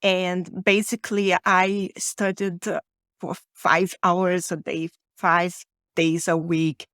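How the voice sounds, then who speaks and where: A woman's voice: fairly low pitch, level tone, slow, fairly bright tone, dry recording, clean studio sound. A woman from Brazil with a Brazilian accent and Portuguese as her native language, talking conversationally as a guest in an interview. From Rio de Janeiro, Brazil. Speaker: podcast guest, author and podcaster.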